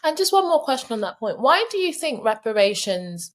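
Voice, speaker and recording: A woman's voice: fairly high pitch, very animated, fairly quick. A woman hosting a podcast interview, introducing her guest and asking questions with many hesitations and fillers. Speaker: podcast host.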